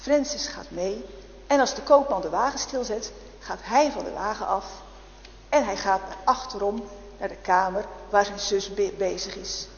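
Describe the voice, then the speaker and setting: Expressive woman storyteller in an echoey hall. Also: mid-range voice, moderate pace, muffled recording. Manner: expressive, addresses listeners directly. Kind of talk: lively storytelling.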